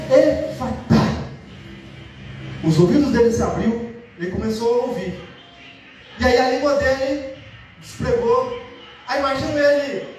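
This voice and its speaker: A male pastor preaching a sermon, animated, acting out the people in the story in a raised, excited voice. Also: very high voice, slight background noise. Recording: echoey church hall heard from far off.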